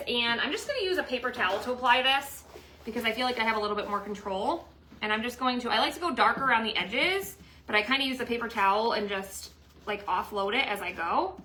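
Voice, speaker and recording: A woman's voice: a little high, animated, quick pace, bright, forceful tone, slight background noise, low-quality recording. A woman chatting casually at home while she works on a craft project, teasing her husband and laughing along. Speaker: craft livestream host. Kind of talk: casual craft livestream chat. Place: home workroom.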